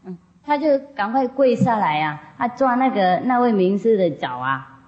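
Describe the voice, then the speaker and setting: A woman's voice: mid-range voice, very animated, moderate pace. A woman spiritual teacher telling a story to an audience in a folksy, chatty way, often laughing. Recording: dull lo-fi recording.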